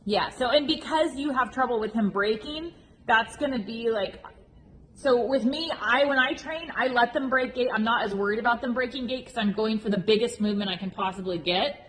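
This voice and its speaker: A woman's voice: fairly high pitch, a little fast. A woman riding instructor giving informal lesson feedback, explaining frankly and repeating key points with emphasis. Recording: reverberant hall with clear background noise.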